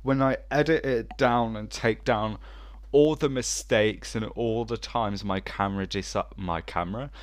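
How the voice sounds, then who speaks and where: A young man with vocal fry, co-hosting a podcast in casual, teasing banter. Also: on the low side, fairly even intonation, a little slow, dry recording. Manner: jokey, teasing, sweary. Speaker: podcast co-host.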